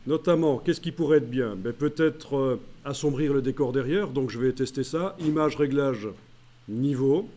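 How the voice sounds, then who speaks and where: A man giving a screen-recorded software tutorial, calling out each menu step aloud with frequent hesitant pauses. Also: medium pitch. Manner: walks through menu steps aloud, many "euh" pauses. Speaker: software trainer.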